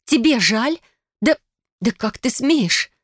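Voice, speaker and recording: A hot-tempered young witch, voiced by a woman reader, lashes out in shrill, shouted bursts. The sound is dry and close, as in a fantasy audiobook. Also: lively intonation, brisk, dry recording. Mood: furious.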